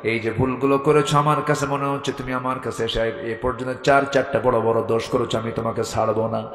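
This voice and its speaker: A man's voice: little pitch movement, brisk, lightly acted. A man voicing an indignant outspoken woman. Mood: scolding. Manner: low and scolding. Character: bold outspoken poor woman, indignant and sharp-tongued. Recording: echoey hall with faint music.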